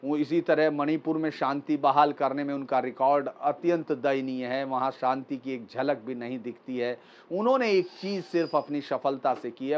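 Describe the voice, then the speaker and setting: A man delivering political news commentary in a measured, explanatory way, with frequent pauses and fillers. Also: medium pitch. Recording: slightly dull lo-fi recording.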